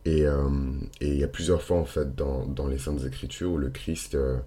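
A man with a gravelly morning voice and vocal fry, talking casually and hesitantly as a podcast host, with slangy turns of phrase. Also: extremely low pitch, steady tone, moderate pace, warm tone. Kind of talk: casual unscripted monologue.

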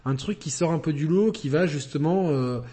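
Husky, mellow-voiced male podcast host. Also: on the high side. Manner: animated, joking, quick asides. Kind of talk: casual gaming chat.

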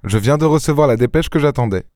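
A man reading a story aloud, voicing a suave, witty gentleman-thief who talks in a playful, ironic and airy way. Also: medium pitch, expressive, fast, no echo, studio quality, voice pushed up, natural voice. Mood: teasing. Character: suave witty male gentleman-thief, mocking and self-assured.

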